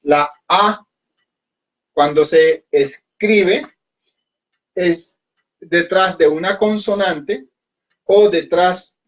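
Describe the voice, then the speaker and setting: A man teaching a class at a whiteboard, patiently repeating himself and often checking that his students follow. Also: on the high side. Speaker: Hindi teacher. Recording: dull lo-fi recording.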